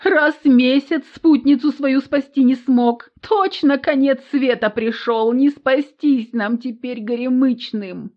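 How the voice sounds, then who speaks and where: A woman's voice: sits high, slow, hardly any pauses, dull audio, pitched above the performer's own voice. A woman voicing a lamenting, wailing village woman in an audiobook. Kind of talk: audiobook character voice.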